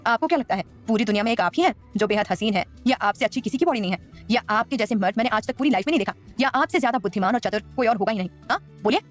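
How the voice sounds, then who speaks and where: A woman voicing a bold, quick-tempered young woman who talks back sassily in an audio drama. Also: a little high, lively intonation, faint music behind, lightly acted. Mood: defiant. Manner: sassy, challenging.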